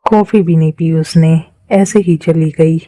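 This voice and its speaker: A woman's voice: deep voice, steady tone, a little slow, warm tone, dry recording, poor audio. A woman voicing a stern, protective older brother in a fan-made dubbed drama. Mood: irritated. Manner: scolding, protective.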